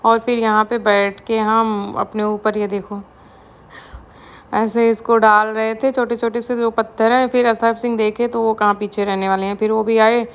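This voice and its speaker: A woman's voice: a little high, level tone, moderate pace, smooth. A woman from India narrating her family vlog in a chatty, storytelling voice-over, mixing English words into her talk. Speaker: family vlogger.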